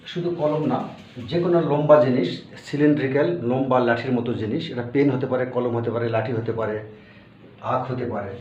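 A man's voice: mid-range voice, a little mellow. A man teaching a language lesson, patiently repeating each word and explaining step by step. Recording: roomy, distant, dull lo-fi audio with faint hiss.

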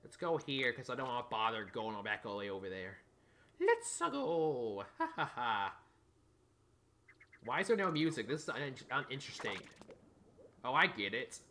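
Bright, excitable young gamer guy. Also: mid-range voice, brisk, a little hiss or hum. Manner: excitable, yelps and shouts at the game, crude jokes; talks to game characters. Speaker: gameplay commentator. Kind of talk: let's play commentary.

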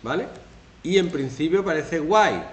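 A man from Spain teaching a classroom lesson, animated and acting out quoted phrases in mocking voices. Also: a little high, a little slow, echoey room.

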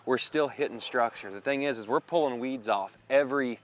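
A man's voice: medium pitch, fairly quick. A man in his thirties hosting a fishing video, explaining technique and cheering catches outdoors on a lake boat. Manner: excited on-the-water banter. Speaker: fishing show host.

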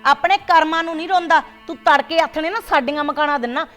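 In a short drama film, an actress plays a domineering older grandmother who scolds and mocks her family. Her high-pitched voice moves fast and sounds sharp-tongued and sarcastic, with soft music playing in the background.

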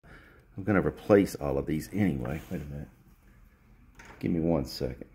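A man's voice: a bass voice, moderate pace, warm tone. Blunt, lecturing workshop repair man. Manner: blunt, lecturing, repeats himself for emphasis. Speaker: repair technician. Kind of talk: hands-on repair demonstration. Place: cluttered workshop. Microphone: handheld phone camera close to the work.

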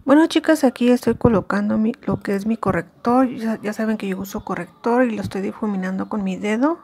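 A woman's voice: mid-range voice, a little fast, dark tone, a little hiss or hum. A woman doing a casual makeup tutorial, chatty and hesitant, with many fillers. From Mexico. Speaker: beauty vlogger.

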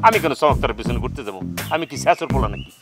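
A man's voice: medium pitch, sing-song, very fast, vocal fry, over music. An actor playing a quarrelsome, taunting village young man in a comedy TV drama.

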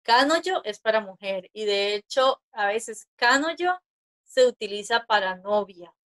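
Her voice is medium-pitched, animated and a bit bright, and she keeps a measured pace. She is a Japanese teacher explaining things in an online class by video call, counting strokes aloud with patience and often checking on her listeners.

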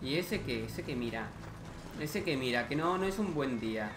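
A man's voice: mid-range voice, lively intonation, normal speed, echoey room, background noise. A man from hosting casual let's-play commentary, talking straight to his viewers, exasperated and swearing often. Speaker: gaming video host.

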